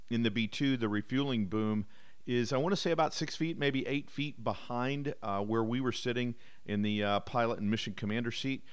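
Male pilot narrator, lowish voice, clear and smooth, relaxed explainer with "uh" fillers. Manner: easygoing, explanatory, frequent "uh" fillers. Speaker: bomber pilot narrating his flight footage. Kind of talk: voice-over commentary.

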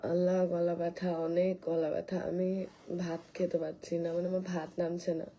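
Hoarse woman chatting on a live stream. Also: fairly low pitch, level tone, a little fast, dark tone, low-quality recording. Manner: rambling, restarts a lot, reads commenters' names aloud. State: hoarse from coughing. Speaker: live streamer selling skin care. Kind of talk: casual live-stream chat answering viewer comments.

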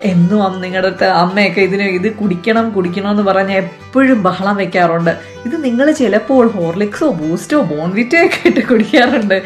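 A woman's voice: mid-range voice, animated, a little fast, faint music behind. A woman with a Malayali accent hosting a casual lesson for children, chatty and coaxing, asking the viewer questions. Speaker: vlog host teaching French to kids.

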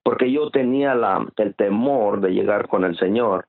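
Male interview guest, rough, creaky voice, stop-start storytelling, phone-quality audio. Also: fairly low pitch. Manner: halting, repeats and restarts words often. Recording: tinny phone-like line.

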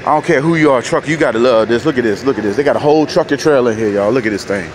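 A man from North Carolina, a truck driver casually vlogging to viewers in an animated, folksy way. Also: medium pitch, rapid-fire, background noise. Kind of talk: casual vlog talk to viewers. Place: truck stop, indoors and outdoors in the lot.

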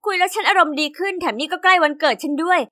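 A woman narrates an animated diary story in the first person as a young girl. Her voice sits very high and sounds bright and ringing. Her delivery is lively and expressive, in a scripted storytelling style. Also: rapid-fire.

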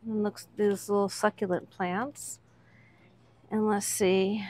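A woman's voice: mid-range voice, flat delivery, slow, a little mellow. A woman hosting a vlog, chatting casually as she points out items on shop shelves one by one. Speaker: vlog host, reseller. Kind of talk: casual commentary while browsing a shop.

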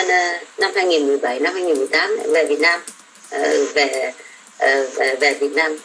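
A woman's voice: low voice, poor audio. Woman, older, scolding casual rant, coarse words, faint background noise. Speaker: domestic worker abroad.

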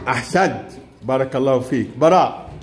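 A man's voice: mid-range voice, animated, fairly quick, a little hiss or hum. A male primary school teacher, giving a classroom reading lesson and prompting and praising pupils in short commands.

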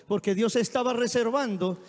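A man preaching a sermon in a church, telling anecdotes in a lively way and often exclaiming amen. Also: very high voice, normal speed, a little hiss or hum. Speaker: guest preacher. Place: church sanctuary. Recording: long hall reverb.

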